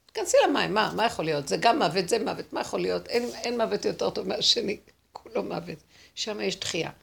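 A woman teaches a spiritual lesson through emotional, animated storytelling, acting out what people said with dramatic flair. Her mid-range voice is creaky and husky.

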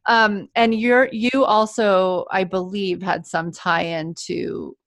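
A woman's voice: medium pitch, fairly even intonation, slow, creaky, fairly bright tone. A woman hosting a podcast in an upbeat, chatty and enthusiastic way. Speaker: podcast host. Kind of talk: casual interview chat.

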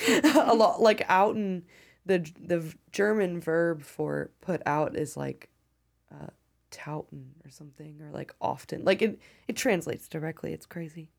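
Kentucky woman, podcast host, deep with vocal fry, chatty and loose. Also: expressive, a little slow. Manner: chatty, laughs often, rambling. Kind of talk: casual chat.

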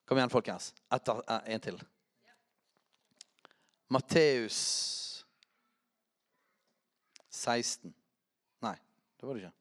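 A man preaching a charismatic sermon, chatty and self-correcting, who shouts out scripture. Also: mid-range voice, pauses often.

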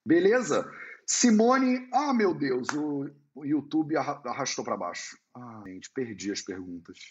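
A man hosting a casual live-stream Q&A as an Ayurveda teacher, talking in an animated, slangy, storytelling way. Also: mid-range voice, unhurried, slight background noise. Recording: dull lo-fi sound.

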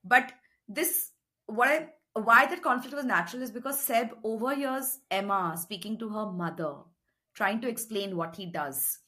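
An Indian-accented woman in a relaxed film conversation. Her voice sits fairly high and has a very bright, crisp edge. She argues her view emphatically. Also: normal speed. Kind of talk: casual conversational film discussion.

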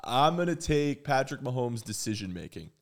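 A man with an average-pitched voice chats on a sports podcast. His delivery is casual, conversational and loosely slangy. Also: sing-song, moderate pace.

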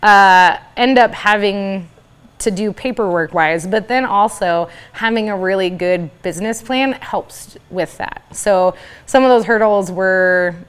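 A woman in her twenties, a business owner, chatting casually as an interview guest, full of "like" and quick laughs. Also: medium pitch, clear, resonant tone. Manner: chatty, laughs often, many fillers like "like".

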